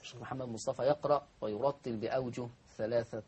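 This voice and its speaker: A man with an Egyptian accent teaching Quran recitation rules, drawing out example words slowly and asking his class questions. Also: mid-range voice, fairly even intonation, darkish tone, slightly rough, highs cut off. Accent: Egyptian Arabic. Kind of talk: spoken lesson on recitation rules.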